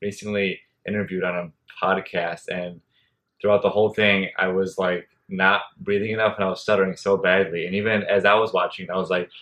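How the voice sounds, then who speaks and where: A man's voice: sits low, level tone, brisk, a bit bright. A young man hosting a casual interview, speaking with a stutter, with blocks and repeated words. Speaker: host.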